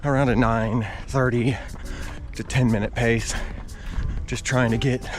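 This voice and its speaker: Male vlogger, mid-pitched, casual chat delivered while running outdoors, action-camera sound with music underneath. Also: level tone, unhurried. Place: outdoors on roads by fields. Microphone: action camera carried while running.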